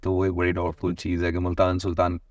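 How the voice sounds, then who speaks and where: A man's voice: low voice, completely flat delivery, fast talker, darkish tone, dry recording, highs cut off. A man, a panel guest arguing his points insistently in a studio. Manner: insistent, argumentative. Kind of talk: casual cricket panel chat. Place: small indoor TV studio.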